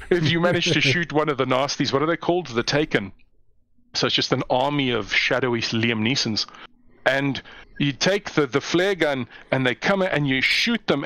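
A South African man, a comedian guest chatting casually and telling stories with lots of animation and laughter. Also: mid-range voice. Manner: animated storyteller, jumps into mock voices, laughs often. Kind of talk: casual chat.

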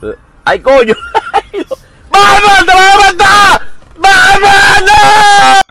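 A man with a Dominican accent, filmed as a passerby on a city street, yelling panicked warnings. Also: very high voice, takes it slowly, creaky. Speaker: passerby in a viral clip. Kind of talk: shouting in the street. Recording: loud street noise outdoors.

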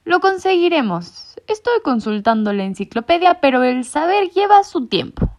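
Woman doing a fussy know-it-all storybook cat, high and jumpy, all dramatic gasps, muffled audio. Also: sing-song, normal speed. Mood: fretful. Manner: fretful, dramatic exclamations. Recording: muffled lo-fi recording.

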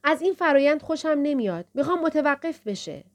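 Woman narrator doing a young woman, distressed, insistent, pleading, higher voice. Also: lively intonation, a little mellow. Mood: upset.

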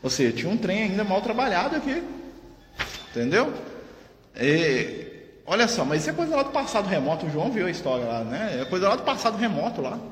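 A man's voice: high voice, big pitch swings, brisk. A man leading a study group in a spiritist center's meeting room, talking informally, often tagging his sentences with questions and acting out what others said. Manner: conversational, peppers speech with tag questions, acts out quoted speech. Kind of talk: informal teaching talk. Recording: echoey hall with faint noise.

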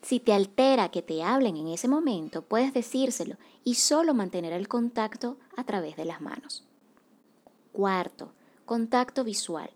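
A medium-pitched woman, a psychocorporal facilitator hosting a wellness podcast, delivers a scripted monologue quietly, in a calm and measured tone.

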